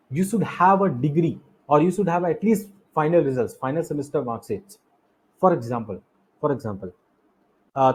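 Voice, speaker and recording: A man with an Indian accent and a slightly high, somewhat mellow, slightly rough voice explains slides as a coaching instructor. He repeats key points and asks rhetorical questions in this explanatory lecture, and the audio quality is poor.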